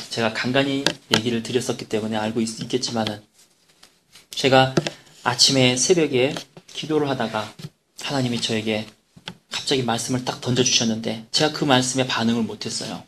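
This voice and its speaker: A man preaching in a church, a pastor telling a story in an animated way with quoted dialogue. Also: medium pitch, background noise. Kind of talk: sermon storytelling.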